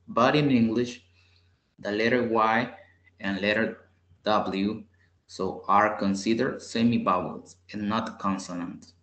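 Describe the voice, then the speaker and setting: Slow, low-voiced man tutoring grammar. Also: reverberant. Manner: patient, repeats example words slowly. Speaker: English tutor. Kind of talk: bilingual grammar lesson.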